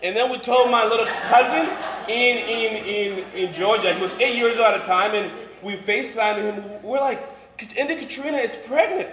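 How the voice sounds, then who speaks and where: A man from Liberia, who moved to Boston at thirteen and is in his 20s or 30s, preaches informally to a live congregation as a campus minister. His voice sits high with a fairly bright tone at normal speed, and his joking, conversational style leans on "you know" and "right." Faint background noise and echo fill the large room.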